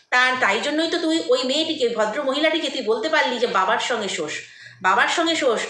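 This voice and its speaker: A woman's voice: sits high, pushed and bright, recorded from a distance. A woman vlogger giving a scornful, gossipy commentary monologue, with many hesitations. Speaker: vlogger commenting on an online feud. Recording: echoey room, voice off-mic.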